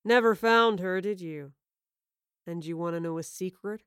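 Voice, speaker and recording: A woman voicing a spiteful, exhausted male villain who sneers and taunts in a slow, contemptuous drawl. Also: lowish voice, clear, resonant tone, no room sound, studio quality, close to an everyday voice. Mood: taunting.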